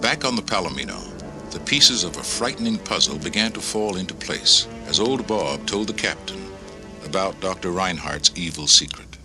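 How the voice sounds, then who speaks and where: A man's voice: low-pitched, animated, moderate pace, music in the background. A man reading scripted storybook narration as the narrator.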